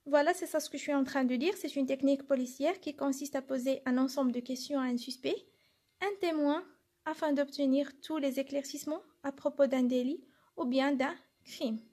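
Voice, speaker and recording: A woman's voice: high-pitched, normal speed, a little mellow. A woman teacher giving a lesson, explaining step by step and answering her own questions. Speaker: French teacher. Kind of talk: classroom lesson.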